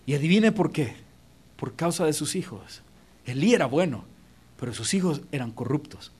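High-voiced emphatic male pastor preaching. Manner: emphatic, addresses congregation directly. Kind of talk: sermon. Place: church auditorium.

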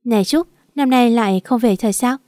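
A woman's voice: on the high side, normal speed, dark tone, dry recording, clean studio sound, natural voice. A woman reading a caring young best friend.

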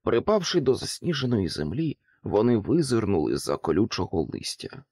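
A man narrating a children's fantasy novel in an expressive, dramatic storytelling manner. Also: medium pitch, no room sound, clean studio sound. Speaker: audiobook narrator. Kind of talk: scripted narration.

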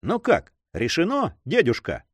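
A man's voice: a little high, huge pitch swings, a little slow, breathy edge, no room sound, pitched above the performer's own voice, heavily acted. A man voicing a bold, brash young male adventurer in a read-aloud story, dry close sound. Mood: confident. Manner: brash, self-assured.

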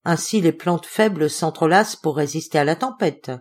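A lovesick male ape-man pours out his sorrow in a soft, plaintive voice. His tone sits fairly low and sounds tender and sad throughout, as a woman reading an audiobook puts him on. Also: moderate pace. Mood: mournful.

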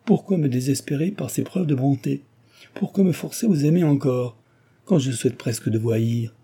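A man reading the lines of a proud young heiress in a storybook reading, with a dignified, pained and pleading delivery in a deep, husky voice. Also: a little fast, warm tone. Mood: anguished.

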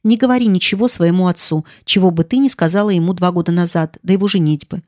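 A grave, earnest young gentleman speaks in a measured way, as a woman narrator puts him on. The voice stays lowish and even. The audiobook sound is dry and close. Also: no room sound, close to an everyday voice.

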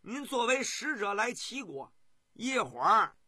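A man's voice: sits high, big pitch swings, unhurried, sharp tone, breathy edge, no room sound, clean studio sound, voice pushed up, full character voice. A man playing a stammering, flustered king. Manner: stammering, fussy. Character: flustered, bewildered ancient king.

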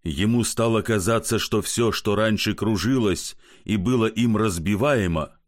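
A man narrating a story in an expressive audiobook reading. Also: lowish voice, measured pace.

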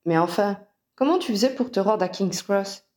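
A woman reading aloud and voicing a confident, teasing young male wizard, in a mellow voice. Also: mid-range voice, animated, moderate pace, lightly acted. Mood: cheerful. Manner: teasing, cheerful insistence.

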